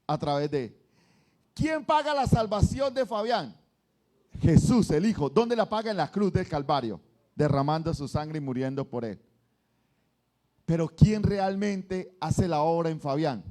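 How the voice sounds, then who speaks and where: High-voiced pastor preaching animatedly. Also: male voice, measured pace. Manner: animated storytelling preacher quizzing the congregation. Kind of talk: sermon.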